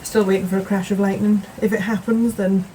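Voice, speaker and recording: A young woman with a British accent talks through her crochet in an easy, rambling way, full of ums and asides. Her voice is soft and mellow, and a faint hiss of room noise sits under it. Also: medium pitch, fairly quick, poor audio. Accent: British English. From England. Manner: chatty, relaxed, rambling with fillers. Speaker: crochet vlogger. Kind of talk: casual tutorial chat. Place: home, indoors.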